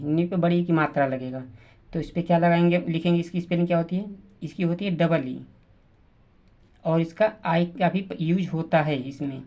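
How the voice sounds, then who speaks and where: Low-voiced woman teaching slowly. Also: mellow. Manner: repeats words, spells letters aloud, many restarts. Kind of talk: slow classroom explanation.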